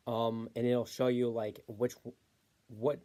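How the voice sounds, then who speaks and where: A man's voice: medium pitch, little pitch movement, slow pace, dark tone. A man giving a casual, unscripted self-publishing tutorial, rambling with lots of fillers and stopping to correct himself.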